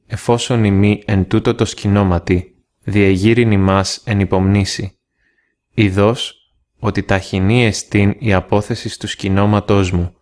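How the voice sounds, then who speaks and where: A man reading scripture aloud in a steady, measured way, pausing phrase by phrase. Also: on the low side. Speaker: scripture reader.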